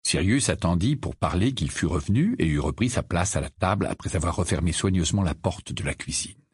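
A man reading a novel aloud as an audiobook narrator, with a measured, expressive delivery. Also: low-pitched, slightly rough, no echo, clean studio sound. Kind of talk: scripted narration.

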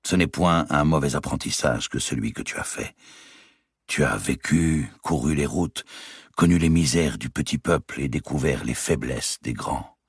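Male reader as a wise old uncle and banker in an audiobook, slow and calm, very deep and gravelly. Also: no echo, clean studio sound, heavily acted. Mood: fatherly. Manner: measured and unhurried. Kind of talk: audiobook character reading.

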